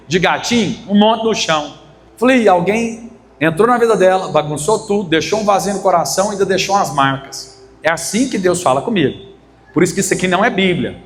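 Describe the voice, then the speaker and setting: A man's voice: high-pitched, a little hiss or hum. A man preaching a sermon as pastor, telling a story and asking the congregation for amens. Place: church hall. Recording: long hall reverb, faint ambience. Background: congregation responses.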